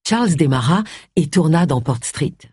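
Un narrateur lit un roman policier avec une narration expressive. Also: mid-range voice, normal speed, slightly rough, no room sound, clean studio sound. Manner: expressive storytelling. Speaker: audiobook narrator. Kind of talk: scripted narration.

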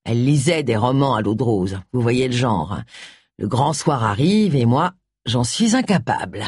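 Reader voicing smug genteel man, mocking, amiable, sinister, husky, dry. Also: mid-range voice, lively intonation, normal speed, a little mellow, no room sound, voice pushed down.

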